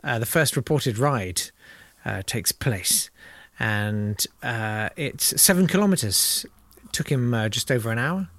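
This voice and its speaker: A man's voice: medium pitch, expressive, takes it slowly, fairly bright tone, no echo. A man co-hosting a podcast, telling a history story in a wry, rambling way full of uhs. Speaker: podcast co-host.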